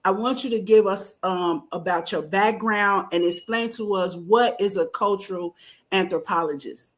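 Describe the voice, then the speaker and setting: A woman's voice: mid-range voice, normal speed. A woman hosting a podcast in a casual interview, hyped and encouraging as she talks. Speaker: podcast host.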